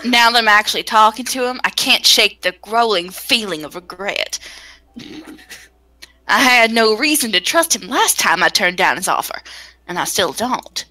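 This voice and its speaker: A woman with a mid-range, bright, forceful and animated voice narrates a visual novel at normal speed among friends, over poor audio. She moves between scripted reading and giggly, self-mocking asides with casual swearing, mixing narration with joking in a relaxed group read-aloud.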